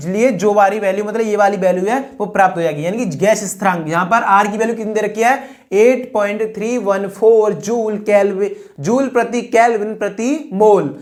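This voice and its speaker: A woman teaching an exam-prep chemistry lecture, her voice sitting in an ordinary middle pitch. She poses a rhetorical question, then repeats the answer to drive it home. Her sentences run on with "I mean" and "that is" as she talks her way through each point. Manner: fills speech with 'I mean' and 'that is'.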